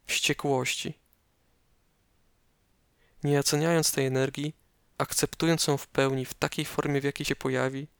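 Close, gravelly man guiding meditation. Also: medium pitch, no echo. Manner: slow, calm, measured instructions with pauses. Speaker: guided meditation narrator. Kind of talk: guided meditation, scripted narration.

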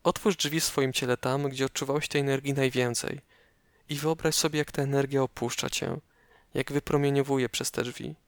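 A man narrating a guided meditation slowly and calmly, giving measured instructions with pauses, close up as if right in your ear. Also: mid-range voice, dry recording.

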